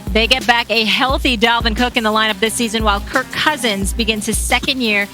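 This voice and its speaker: A woman reading a brisk segment intro and moderating a sports debate show. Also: fairly high pitch, steady tone, over music.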